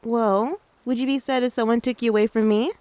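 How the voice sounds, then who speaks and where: A woman playing a gentle, doting mother in a soft-spoken ASMR role-play, soothing and coaxing as she talks to the listener like a small child. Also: fairly high pitch, steady tone, a little fast, no room sound, lightly acted. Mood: tender. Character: gentle doting mother taking her little one out. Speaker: ASMR creator.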